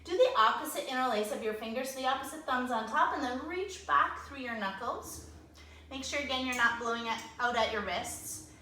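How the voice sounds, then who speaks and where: Woman yoga teacher, high and bright, calm encouraging cues, echoey room, mic set far back. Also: normal speed. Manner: calm, encouraging breath counting. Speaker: yoga instructor. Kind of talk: guided yoga class cues. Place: home room, traffic outside.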